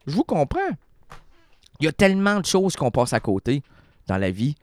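A man's voice: fairly high pitch, very animated, moderate pace, no room sound, clean studio sound. Theatrical rambling Quebec French radio man. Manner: theatrical, digressive, playful. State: sore throat. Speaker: community radio host. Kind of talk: rambling solo radio monologue.

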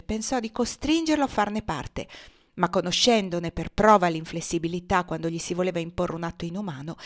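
A woman from Italy reading a classic novel aloud in a measured, expressive storytelling voice. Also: on the low side. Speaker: reader.

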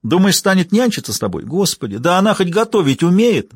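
A man's voice: sits high, sing-song, fairly quick, slightly rough, no room sound, studio quality, pitched above the performer's own voice, full character voice. A male narrator voicing a stubborn, self-pitying father of sixty-one in an audiobook. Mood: bitter. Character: defensive 61-year-old father, bitter and stubborn.

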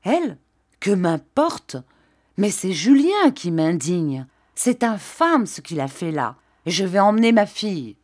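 A woman reading an audiobook, voicing an indignant old nobleman who bursts out loudly in fury. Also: medium pitch, big pitch swings, a little slow. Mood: furious. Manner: loud, furious outbursts.

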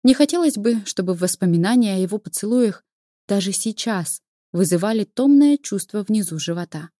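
A woman narrates a novel in the first person with expressive storytelling. Her voice is warm and mellow, recorded on a close mic. The sound is dry, with no room echo. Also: medium pitch, normal speed. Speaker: audiobook narrator.

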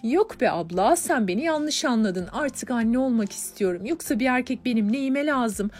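A woman's voice: a little high, animated, normal speed, darkish tone, faint music behind, voice pushed up. A woman voicing a frank, chatty hairdresser in an audiobook, raising her voice.

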